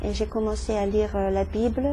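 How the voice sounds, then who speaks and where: A woman's voice: mid-range voice, level tone, a little fast, warm tone, a little hiss or hum. A middle-aged woman from Germany giving a faith testimony in an interview, hesitant, with many fillers and restarts. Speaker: interviewee, musician.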